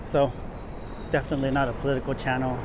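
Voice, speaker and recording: Here a man speaks at medium pitch in a fast monotone while vlogging a loose walking tour downtown, circling back to repeat and reword things as he goes. A handheld camera captures him on the sidewalks amid clear traffic and street sounds.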